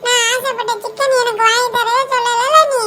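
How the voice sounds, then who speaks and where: Cartoon little sister, tearful and sulky, Tirunelveli Tamil, squeaky bright tone, voiced by a performer. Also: little pitch movement, normal speed, slight background noise. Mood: hurt, tearful. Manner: whiny, tearful pleading. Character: young crying little girl, sulky. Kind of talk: homemade cartoon dubbing.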